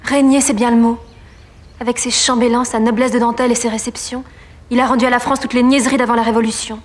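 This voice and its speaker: An actress playing a proud, witty young aristocratic woman in a period film, haughty and quick with sharp retorts. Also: fairly high pitch, level tone, close to an everyday voice. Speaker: Mathilde, the marquis's daughter.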